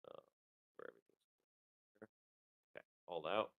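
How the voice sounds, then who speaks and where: The audio has a phone-like quality with no echo as a man unhurriedly chats through his trades on a live stream. He holds a handheld mic and speaks loosely, using fillers and swearing mildly now and then.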